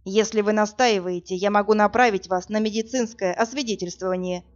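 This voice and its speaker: A woman voicing a weary middle-aged male police captain who talks in a bored, dismissive, unhurried way. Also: medium pitch, steady tone, close to an everyday voice. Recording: dull lo-fi audiobook recording.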